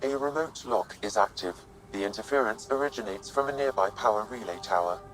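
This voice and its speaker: Male game AI voiced by an actor, very low, precise and unemotional. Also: fairly quick, lightly acted, rough recording. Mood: detached. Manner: flat, precise, formal. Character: calm male AI system inside a soldier's head.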